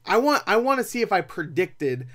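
Reviewing movies from a small, cluttered room at home, a young man speaks in a slightly higher-than-average voice at a moderate pace. His casual, unscripted chat rambles with animated asides and a self-deprecating streak.

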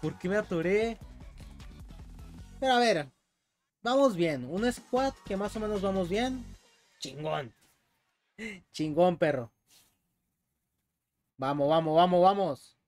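A young man with a Mexican accent, streaming a game live and commenting in an excitable, swearing, casual way. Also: high-pitched, slow, pauses often, faint music behind. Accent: Mexican Spanish. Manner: excitable, swears a lot, yells when stuck.

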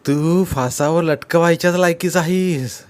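This is a man playing a shrewd village headman who interrogates with steady, needling questions. His voice runs a bit high, with a lilt. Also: unhurried, clean tone, lightly acted. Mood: cold. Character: sly accusing village headman, middle-aged man.

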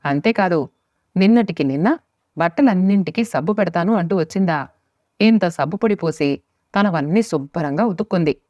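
A biting, quarrelsome middle-aged wife from a storybook tale, as a woman narrator puts her on, her voice a little low for a woman. She nags and snaps in a scolding manner. The recording is dry and slightly muffled. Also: expressive, normal speed, no echo, lightly acted.

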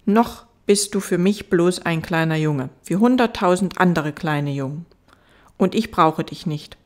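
A woman voicing a gentle, wise fox in an audiobook, earnest and patient as it explains. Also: fairly low pitch, a little slow, natural voice.

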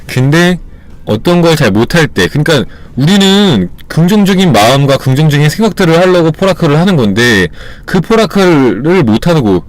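A man hosting his own stream, talking casually and reassuringly to his viewers, slipping into playful acted self-talk. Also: fairly high pitch. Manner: reassuring, encouraging. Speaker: streamer and channel host. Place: home streaming setup.

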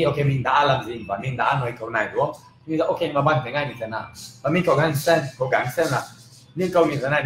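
A man teaching English pronunciation in a casual video lesson, repeating example words slowly and with emphasis. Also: medium pitch. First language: not Vietnamese. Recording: roomy with faint background noise.

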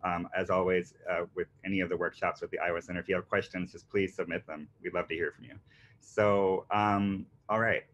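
Over dull, lo-fi audio from a computer mic, a marketing agency founder in his thirties, raised in Panama, runs a webinar from indoors in front of a virtual beach background. His voice sits low and fairly bright, delivered flatly and fairly quickly, earnest yet riddled with fillers and restarts.

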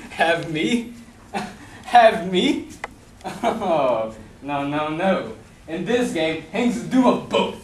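A man's voice: high voice, sing-song, very slow, exaggerated voice. A young man playing Death in an amateur stage play, a cunning, sardonic and gloating figure. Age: young adult. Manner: gloating, sardonic, laughs often. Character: Death, a mocking, theatrical, cunning male personification. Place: indoor theatre stage. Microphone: distant camera. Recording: echoey stage, distant camera mic, noisy.

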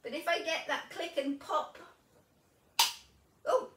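A woman in her fifties talks through her cooking in a cheerful, chatty way, explaining each step. Her voice sits high and her pace is relaxed and slow. The sound is roomy, picked up by a camera a little way off in her kitchen. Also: far from the mic, slight background noise. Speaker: home cooking vlogger. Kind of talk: casual kitchen demonstration. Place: home kitchen, indoors. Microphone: camera mic at a distance.

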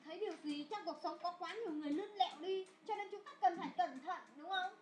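A woman teaching English to a class of children, asking questions loudly and scolding pupils who don't focus. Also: very high-pitched, quick pace, a little hiss or hum. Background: children chattering.

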